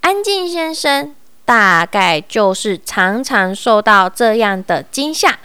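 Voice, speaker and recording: A woman reading a children's story aloud in an expressive, sing-song way. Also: on the high side, slow pace, clear, resonant tone, dry recording.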